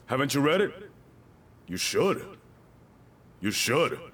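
A man's voice: mid-range voice, very animated, takes it slowly, fairly bright tone, husky. A male pastor preaching a sermon, emphatic and repeating his key lines, with joking asides to the congregation.

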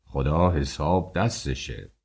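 A man voicing an old male Sufi master who speaks slowly, gravely and in a hushed tone. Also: very deep voice, animated, pitched below the performer's own voice, full character voice. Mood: solemn.

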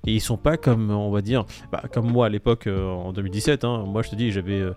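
A man's voice: on the low side, fast talker. Young male host, easygoing and jokey, runs the news rundown; faint music under him. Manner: jokey, relaxed, leads the rundown. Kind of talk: casual crypto news chat.

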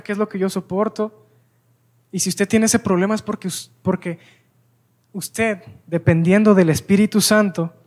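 An earnest male preacher teaches his congregation point by point. His voice is high for a man and his manner is steady. He speaks in a church service. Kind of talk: sermon.

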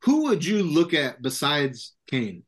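A man's voice: fairly high pitch, sing-song, takes it slowly. A man hosting a casual sports podcast about football, talking in slang and repeating his phrases for emphasis.

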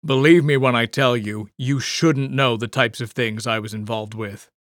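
A man's voice: mid-range voice, moderate pace, a bit bright, no echo, close to an everyday voice. A guarded man, voiced by the storyteller, keeping his answers short and evasive in a mid-range voice. The reading is close and dry. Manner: terse, evasive. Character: guarded middle-aged man, secretive and defensive.

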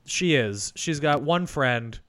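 A man's voice: on the high side, lively intonation, slow, fairly bright tone. A man co-hosting a podcast, chatting casually as he recaps a movie. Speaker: podcast co-host.

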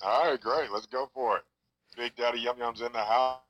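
A man's voice: mid-range voice, fairly even intonation, moderate pace. A man from Louisiana talking over a phone speaker as a guest, telling stories in an easygoing, upbeat way. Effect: heard over a phone speaker. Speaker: guest wrestler. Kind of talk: casual phone chat. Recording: tinny speakerphone call.

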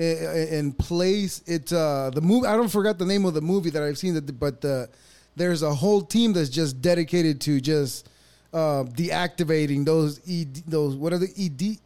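A man in his thirties from El Salvador, hosting a casual conversation, halting and restarting often and laughing easily. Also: fairly high pitch, a little mellow, clear, resonant tone. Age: 30s.

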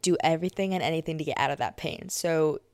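Young woman host, low and gravelly, chatty self-correcting delivery, dry close recording. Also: fast, darkish tone, dry recording. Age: young adult. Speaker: podcast host. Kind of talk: casual monologue.

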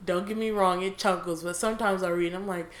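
A woman's voice: fairly low pitch, steady tone, fast. A young woman with a slight lisp, co-hosting a casual celebrity gossip chat, talking loosely with fillers and frequent laughs. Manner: chatty, laughs often, loose filler-heavy delivery. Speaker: podcast co-host. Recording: roomy echoey room.

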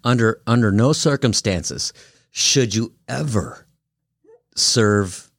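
A woman's voice: rumbling low, expressive, slow pace. A woman co-hosting a podcast in casual chat, wry and dryly teasing, with the hiccups. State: has the hiccups. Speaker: podcast co-host.

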